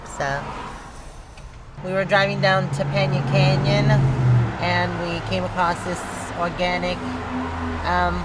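A vlogger narrating a road trip in a casual, chatty way, with fillers, filmed from inside a car and then outdoors on a hilltop. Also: medium pitch. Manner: relaxed, chatty, with frequent fillers. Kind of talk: casual travel vlog narration. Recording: loud car and road noise.

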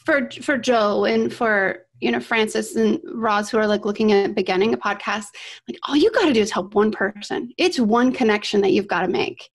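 A woman's voice: medium pitch, normal speed. Chatty woman on a video call. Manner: chatty, enthusiastic, many "like" and "right?". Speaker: guest podcaster. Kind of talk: casual video-call discussion.

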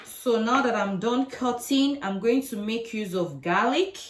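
A woman's voice: fairly high pitch, lively intonation, unhurried. Chatty woman in an echoey kitchen. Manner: chatty step-by-step explaining. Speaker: cooking vlogger. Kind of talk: casual cooking demonstration. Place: home kitchen. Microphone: camera across the kitchen. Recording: echoey kitchen, faint noise.

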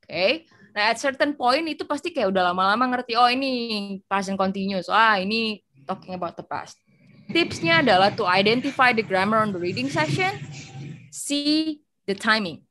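A woman's voice: fairly high pitch, expressive, normal speed, sharp tone. A young woman tutoring English in a casual online session, switching between two languages and explaining with everyday examples over a video call. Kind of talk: online training session, mixing Indonesian and English.

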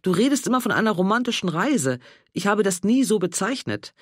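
A gentle, hesitant woman in her sixties, put on by a male reader, answers softly and a little apologetically. The voice sits somewhat higher and moves in a lively way. The sound is dry and close. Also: fairly quick, dry recording. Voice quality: soft-spoken, hesitant and apologetic. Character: mild, hesitant older married woman, easily embarrassed. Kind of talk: audiobook character voice.

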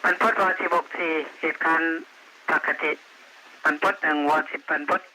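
A man with a slightly raised voice answers over a walkie-talkie, and clear static hiss sits under his words. He rattles off call signs in a clipped, formulaic way, as a police station radio operator does. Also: fairly high pitch, flat delivery, normal speed. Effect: heard over a walkie-talkie. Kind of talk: terse radio roll-call report. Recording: noisy walkie-talkie transmission.

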